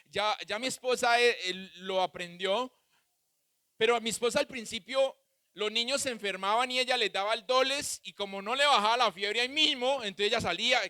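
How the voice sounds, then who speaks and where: A male pastor preaching a sermon with a Colombian Spanish accent, swinging between loud shouts and soft asides. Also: high voice, clean tone, no room sound.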